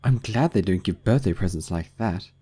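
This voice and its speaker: A man's voice: low voice, normal speed, warm tone, breathy edge. A man voicing a polite, curious young girl who speaks earnestly in a lightly raised voice. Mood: musing, polite.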